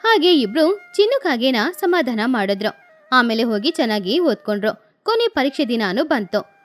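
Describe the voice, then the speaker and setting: Woman narrating a kids cartoon story, high voice, bouncy. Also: big pitch swings, moderate pace.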